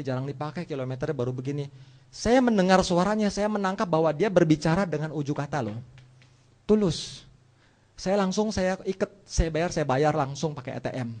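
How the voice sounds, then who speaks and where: A middle-aged man teaching a casual Buddhist lesson, telling stories with acted dialogue and leading chanted recitation. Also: on the high side. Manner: animated storytelling, acts out dialogues, leads call-and-response chanting.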